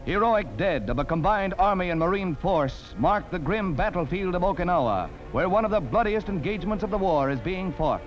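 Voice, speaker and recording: High, lively 1940s newsreel announcer man. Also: a little fast, hardly any pauses. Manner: emphatic, declamatory announcer delivery. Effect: old 1940s newsreel soundtrack. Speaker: newsreel narrator. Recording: dull lo-fi old film soundtrack with music. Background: music score.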